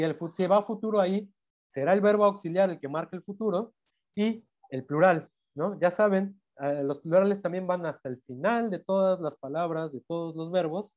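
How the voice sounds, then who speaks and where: This man's voice is high and darkish in tone. He teaches language at a university and, speaking with a Mexican Spanish accent, walks through grammar one step at a time, frequently correcting himself and checking in with questions.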